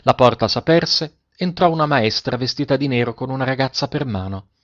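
A man narrates a classic tale in a steady, even storytelling voice of middle pitch. The recording is slightly muffled and lo-fi. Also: brisk. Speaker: audiobook narrator. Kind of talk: scripted narration.

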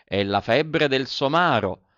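A man voicing a kindly little female marmot in a storybook reading, speaking slowly and soothingly with regret. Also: medium pitch, animated, a bit bright, dry recording, pitched above the performer's own voice. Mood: solemn. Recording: dull, dry recording.

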